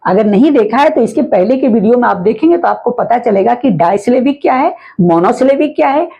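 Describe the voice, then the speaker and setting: Husky-voiced woman teaching phonics patiently. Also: fairly high pitch, animated, lo-fi sound. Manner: patient, repetitive explaining with frequent "है ना" checks; sounds out words slowly letter by letter. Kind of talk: phonics lesson explaining syllables.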